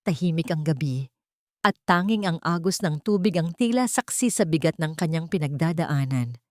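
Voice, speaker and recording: An audiobook narrator with a fairly low, darkish female voice reads dramatic fiction in a scripted, storytelling style. Her delivery is solemn, melodramatic, and animated at a moderate pace. The recording is dry and close, with no room sound.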